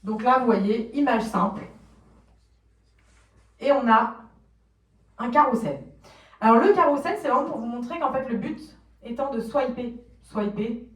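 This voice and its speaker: A woman's voice: a little high, moderate pace, pauses often. French woman speaker in a roomy hall. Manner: explains plainly, asks the audience questions, acts out quotes. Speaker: conference speaker on social media marketing. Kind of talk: lively conference talk. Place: conference room, recorded from a distance. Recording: roomy, distant conference recording.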